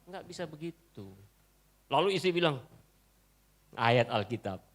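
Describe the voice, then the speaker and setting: A male pastor with a Manado accent delivers a sermon in a bright, fairly high voice. He talks slowly, cracking jokes and then rising to loud, emphatic declarations before dropping to quiet asides. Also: sing-song. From Indonesia. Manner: joking, swings from loud preaching to quiet asides. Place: church service.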